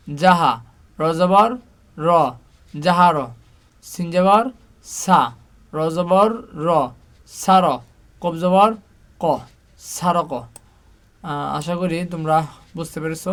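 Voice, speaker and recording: Male Quran teacher, fairly high voice, slow patient letter-by-letter drilling. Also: a bit bright, smooth. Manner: slow, patient drilling, asking and answering his own questions. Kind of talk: spelling Arabic letters aloud with vowel marks.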